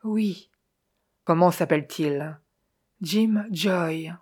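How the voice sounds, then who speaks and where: A woman's voice: on the low side, drawn-out words, a little mellow, breathy edge, exaggerated voice. A woman voicing a faint, entranced young medium. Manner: faint, distant and sleepy.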